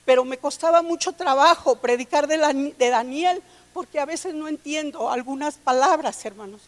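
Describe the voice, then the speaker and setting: A woman's voice: high voice, normal speed. A woman preacher delivering a sermon, reading scripture aloud and calling her listeners brother and sister. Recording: long hall reverb.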